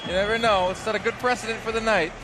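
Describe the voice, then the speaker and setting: A man's voice: sits high, fairly even intonation, fast, heavy background noise. A man hosting a live boxing broadcast, giving play-by-play and recaps as a commentator. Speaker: play-by-play host.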